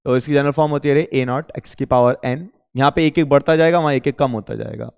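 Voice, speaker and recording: Male coaching teacher, casual question-and-answer lecture style, clear resonant voice, reverberant classroom. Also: medium pitch, fairly quick. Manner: asks rhetorical questions and answers them himself; informal, addresses students directly. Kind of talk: exam-prep lecture. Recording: reverberant room.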